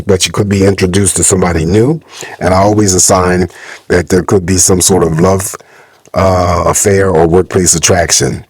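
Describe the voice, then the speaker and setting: A man's voice: deep voice, darkish tone, no room sound. A man giving a casual tarot reading to viewers, his voice muffled by a lingering cold, speaking in an informal, conversational way. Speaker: tarot reader hosting a channel.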